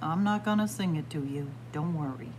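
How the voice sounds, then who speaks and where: A woman in her sixties, working as a children's librarian, reads a picture book at a moderate pace in a low, slightly mellow voice. Close to a webcam in a library with bookshelves, she chants the rhymes in a sing-song way and adds playful asides, with slight background noise.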